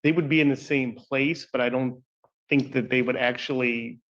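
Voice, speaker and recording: A man's voice: mid-range voice, steady tone, moderate pace, a bit bright, dull audio. A man speaking as a defense attorney, formally addressing the judge in a courtroom recording.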